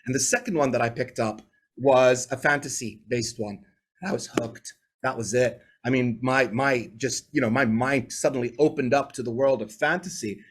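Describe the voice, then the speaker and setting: A medium-pitched man speaks at a moderate pace against a noisy background. He's a native English speaker from Bahrain in his forties, a guest on a video-call interview, telling stories casually in a chatty, winding way and tagging his points with "right?".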